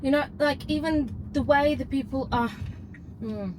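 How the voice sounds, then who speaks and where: A woman's voice: sits high, unhurried, noisy background. A woman from Ukraine, a teacher riding as a passenger, talking casually in a car with a hesitant, restarting manner. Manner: hesitant, many fillers and restarts. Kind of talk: casual conversation. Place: back seat of a car.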